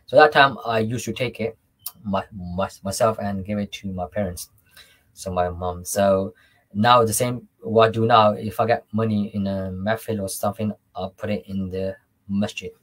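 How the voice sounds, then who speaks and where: Husky, low-voiced young man. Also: fairly even intonation, normal speed. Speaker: interview guest, devotional singer. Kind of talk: interview conversation. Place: small room indoors on a video call.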